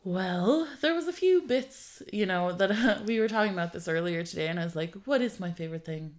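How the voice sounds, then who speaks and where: A woman co-hosting a podcast, chatting casually, playful and quick to giggle. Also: medium pitch, lively intonation. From Ireland. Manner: playful, giggly, drifts into silly bits. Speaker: podcast co-host. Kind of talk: casual comedic chat.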